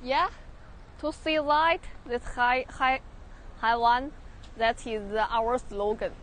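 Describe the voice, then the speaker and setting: A young Chinese woman touring a large factory workshop in halting English with a Chinese accent, repeating words and using many fillers, filmed on a handheld phone. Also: on the high side, fairly even intonation, a bit bright, slight background noise. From China. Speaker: factory tour guide. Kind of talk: live factory tour walkthrough. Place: large industrial workshop and outdoor factory yard.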